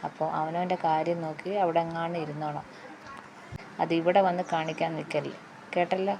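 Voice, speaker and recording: A man's voice: on the high side, little pitch movement, brisk, creaky, noisy background. A woman voicing a stern middle-aged father with a heart condition who scolds with blunt questions. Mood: scolding.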